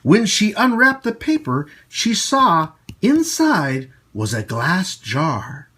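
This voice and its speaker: A man hosts a children's story time, reading aloud expressively and exclaiming directly to young listeners. His voice sits high and is very animated yet slow, pushed and bright with slight roughness.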